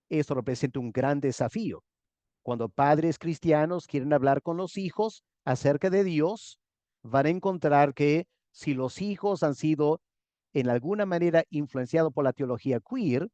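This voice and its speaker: Measured man lecturing on theology. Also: fairly high pitch, warm tone, no echo, highs cut off. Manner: measured, repeats key words, checks in with "¿ok?". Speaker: pastor lecturing a master class.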